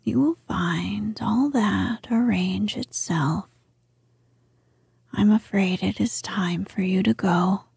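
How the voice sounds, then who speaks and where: A woman voicing a gentle, wise and very old grandmother in a slow, hushed whisper, reading a storybook. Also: medium pitch, gravelly, slightly rough, no room sound, full character voice. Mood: gentle assurance. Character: ancient wise grandmother lady, gentle and calm.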